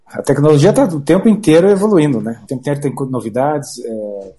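Husky, mellow Brazilian man explaining things. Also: a little high. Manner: halting, frequent "né" tags and repeated words. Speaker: interview guest, DJ and DJ instructor. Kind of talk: casual explanatory interview talk.

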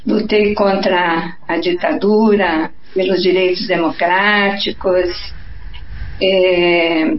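Brazilian lady in her 70s, talks really slow, formal intro, dull roomy sound, brazilian portuguese accent. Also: on the low side, fairly even intonation. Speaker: guest lawyer and political activist. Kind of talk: formal greetings and self-introduction. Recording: echoey, dull, slightly noisy remote audio.

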